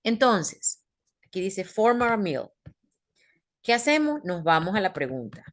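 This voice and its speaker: A woman's voice: mid-range voice, very animated, unhurried. Patient woman teacher explaining step by step. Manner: patient, explains step by step, asks the class questions. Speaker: English teacher. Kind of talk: online class teaching.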